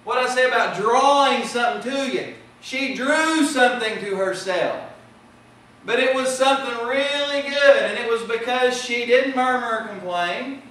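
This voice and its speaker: A man's voice: very high voice, normal speed, a bit bright, very echoey, distant mic, rough recording. A man preaching a sermon with impassioned delivery that rises and falls in volume. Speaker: pastor. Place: church sanctuary.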